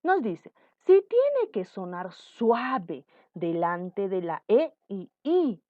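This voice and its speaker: A woman teacher giving a patient spelling lesson, repeating example words slowly. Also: medium pitch, very animated, no echo. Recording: dry, phone-like audio.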